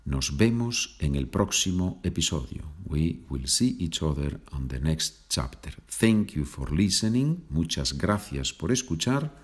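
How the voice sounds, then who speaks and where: A man teaching a podcast language lesson, repeating phrases slowly for learners. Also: rumbling low, sing-song. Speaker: Spanish teacher.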